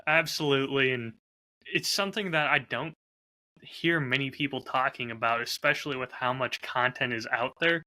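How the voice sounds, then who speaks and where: On his casual podcast, a male host who also creates audio dramas speaks with a very bright, crisp-edged voice at middling pitch. Reflective and candid, he lays out his thoughts at a moderate pace like a practiced storyteller.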